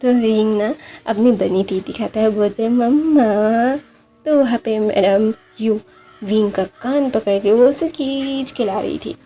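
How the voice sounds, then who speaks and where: A woman's voice: a little high, measured pace, mellow, faint music behind. A woman casually retelling a fan story in her own words, conversational, with many fillers and self-corrections.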